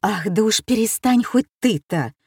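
A woman voicing a bustling mother who scolds briskly at the dinner table. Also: medium pitch, animated, a little mellow, breathy edge, no echo, clean studio sound, pitched above the performer's own voice. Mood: scolding.

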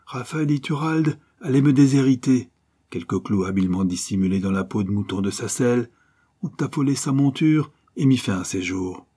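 A man's voice: lowish voice, moderate pace, mellow, husky. A man doing a sneering bandit chief. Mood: exalted. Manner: sneering, boastful.

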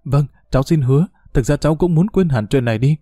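A man's voice: a little high, fast talker, warm tone, no echo, studio quality, soft background music, close to an everyday voice. A man voicing a kind, forgiving young woman who talks politely and earnestly to an older man.

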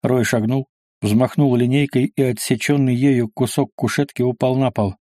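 A man narrating an action audiobook in a steady, dramatic reading. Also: medium pitch, normal speed, no room sound, clean studio sound.

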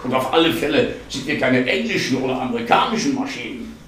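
A man's voice: medium pitch, animated, fast talker, fairly bright tone, slight background noise, pitched above the performer's own voice, lightly acted. A male reader voicing an exasperated, sarcastic office researcher whose voice sits close to cracking. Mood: indignant. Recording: echoey hall, distant mic.

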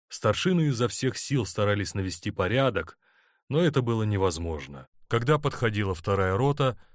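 Low-voiced male audiobook narrator. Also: no echo, studio quality. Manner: expressive, dramatic reading. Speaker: audiobook reader. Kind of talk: scripted narration.

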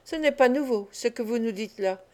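A woman reading an audiobook, voicing an older gentleman who speaks brusquely. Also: a little high, moderate pace, lightly acted.

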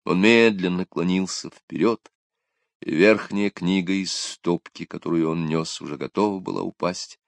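A man narrating a story in a measured, expressive storytelling manner. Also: low-pitched, vocal fry, no echo. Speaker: audiobook narrator. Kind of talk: scripted narration.

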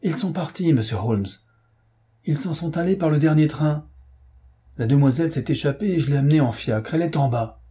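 Excited rustic gardener, put on by a man, eager and breathless, husky. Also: lowish voice, moderate pace.

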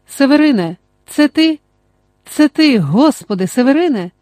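A woman reading the lines of an older silver-mustached male Cossack who calls out warmly and loudly. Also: a little high, measured pace, no echo, studio quality. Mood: hearty. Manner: calls out warmly, excited exclamations.

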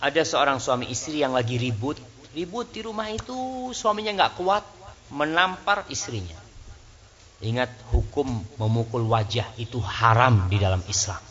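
A man giving a conversational sermon as a preacher, his voice jumping high for emphasis. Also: lively intonation, moderate pace, fairly bright tone. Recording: slightly dull lo-fi sound.

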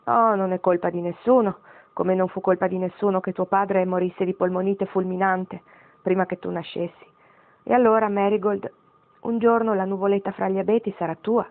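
A woman's voice: mid-range voice, fairly even intonation, normal speed, phone-quality sound, natural voice. A woman voicing a very old grandmother, wistful and wry, speaking tenderly to her great-grandchild in a storybook reading.

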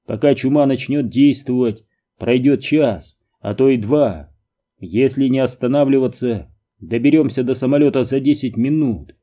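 A man reading a stern army captain who gives short, steady orders. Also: mid-range voice, normal speed, natural voice. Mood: calm. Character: stern male military captain, calm commander.

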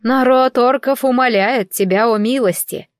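A woman's voice: fairly high pitch, normal speed, no room sound, clean studio sound, voice pushed up, close to an everyday voice. A woman voicing a tough, agile female orc warrior who talks bluntly and grumbles. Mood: humble.

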